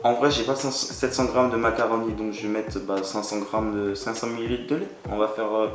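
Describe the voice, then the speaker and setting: A man's voice: fairly low pitch, flat delivery, fairly quick. Joking man in an echoey kitchen. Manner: joking, chatty, slangy, talks straight to the viewer. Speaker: cooking video host. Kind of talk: casual cooking vlog. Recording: echoey room with loud background music. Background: loud background music.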